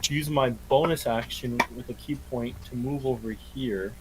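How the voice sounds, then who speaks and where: A man playing a tabletop game in casual chat, chatty and quick to laugh. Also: mid-range voice, background noise. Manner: laughs often, loose and chatty. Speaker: player.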